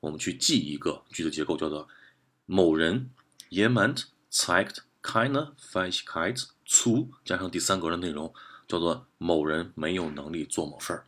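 A man's voice: low voice, lively intonation, moderate pace, a bit bright, slightly rough. A man teaching German vocabulary in a methodical lesson, repeating and rephrasing each point. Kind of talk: explanatory lesson.

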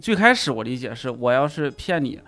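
A man with a Dalian accent, explaining local words slowly in a podcast chat, with fillers. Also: mid-range voice, very animated, bright, forceful tone, faint music behind. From Dalian, China. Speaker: guest.

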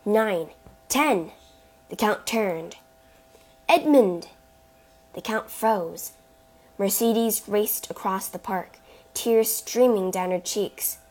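Slow, deliberate woman storyteller. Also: mid-range voice, fairly even intonation, darkish tone. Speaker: narrator. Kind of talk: storybook narration.

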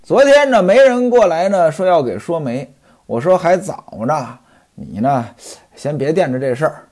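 A man's voice: fairly high pitch, animated, normal speed, darkish tone. A man voicing a poor, wheedling middle-aged hanger-on who pleads and complains in a storyteller's acted dialogue. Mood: complaining.

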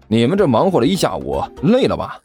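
A man's voice: mid-range voice, wildly swooping pitch, a little fast, dark tone, soft background music. A man doing a sly fake-friendly landlord. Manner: chatty, falsely cheerful. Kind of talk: audiobook character voice.

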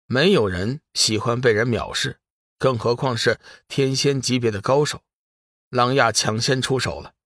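A man narrating a serialized fantasy novel with a steady storytelling delivery. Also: mid-range voice, dry recording, studio quality.

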